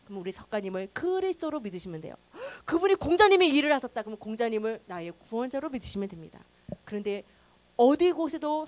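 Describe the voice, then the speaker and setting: Woman pastor teaching newcomers, high voice that swoops around a lot, chatty. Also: dry recording. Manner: animated, conversational, acts out quoted voices. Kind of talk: teaching a new-member church class. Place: church classroom.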